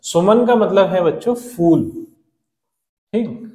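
High-voiced man teaching children. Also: lively intonation, darkish tone, reverberant. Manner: patient, repeats and spells out words slowly. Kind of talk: explaining a school lesson to children.

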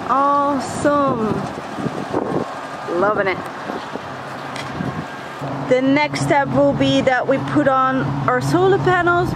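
A high-voiced woman talks slowly and easily, with plenty of fillers, as she narrates a sailing vlog. Loud outdoor noise runs behind her on a boat in a harbor. Her delivery stays casual and unhurried. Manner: relaxed, hesitant with fillers. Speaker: sailing vlogger.

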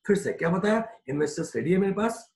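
A male teacher giving a lecture in Hindi mixed with English, slowing down to dictate points and often asking whether it is clear. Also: high voice, expressive, darkish tone, roomy sound. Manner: slows down to dictate points word by word. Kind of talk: classroom lecture.

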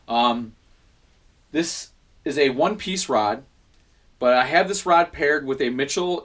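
This fishing channel host, a man in his thirties, has a middle-pitched voice and talks casually to the camera from a small room at home. Easygoing as he covers his gear, he fills the gaps with ums and fixes his words on the fly. A camera mic a few feet off captures him.

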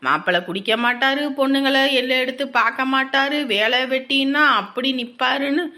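A woman playing a friend who scolds and mocks a boastful groom, in a sharp teasing way. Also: high-pitched, fairly quick. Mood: scolding. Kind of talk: web drama acting.

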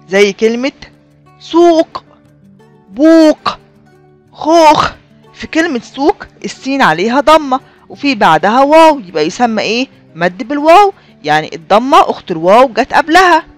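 A woman with an Egyptian Arabic accent teaching a children's reading lesson, repeating key points and slowly drawing out example words. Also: fairly high pitch. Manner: drawn-out sounding of example words; repeats and addresses learners as friends.

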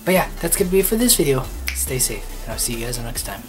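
A man's voice: mid-range voice, very animated, quick pace. Guy in his 20s doing a laid-out casual snack review at his desk, music going behind. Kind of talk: casual chat to camera. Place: small bedroom, indoors.

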